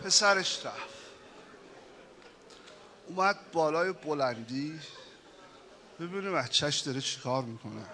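A man giving a mourning sermon, telling the story in a hushed voice and rising to shouted, emotional lament. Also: fairly high pitch, animated, pauses often, a little hiss or hum. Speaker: preacher.

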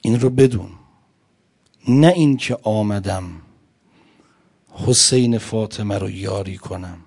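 Dark-voiced male preacher. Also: on the low side, vocal fry, husky. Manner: addresses listeners directly, swings between loud emphasis and quiet lines. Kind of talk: religious sermon with storytelling.

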